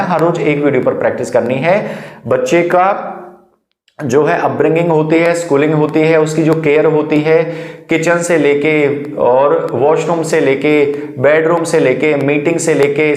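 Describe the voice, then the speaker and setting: A man teaching spoken English in Hindi, with a voice pitched a little high for a man. He coaxes his viewers to repeat after him and draws each English phrase out slowly. The room rings with echo. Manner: drills phrases slowly for repetition; coaxing, urges viewers to repeat.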